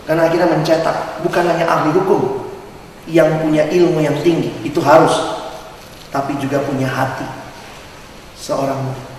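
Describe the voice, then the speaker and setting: A man's voice: on the high side, level tone, moderate pace, long pauses, darkish tone, slight background noise. A man giving a sermon to students, telling stories and acting out the dialogue with humor. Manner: storytelling, acts out dialogue, humorous. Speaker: campus ministry speaker. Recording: echoey hall, from far off.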